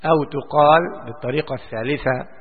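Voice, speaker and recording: A man giving a religious lesson on Quran commentary, explaining slowly, repeating words and reciting. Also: mid-range voice. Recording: tinny lo-fi recording in a reverberant hall.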